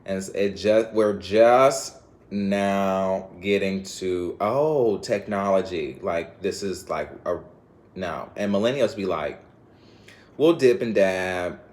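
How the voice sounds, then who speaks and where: A man's voice: deep voice, slow, darkish tone. A man talking straight to his viewers in a loose, rambling monologue full of slang and scattered thoughts. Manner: rambling, scattered, laughs often, lots of slang. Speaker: vlogger.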